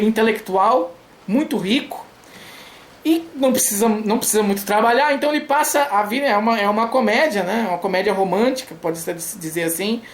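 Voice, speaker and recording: A woman explaining ideas from her book in a video lecture. She halts and repeats words, and often checks in with the viewer. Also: fairly high pitch. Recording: echoey room.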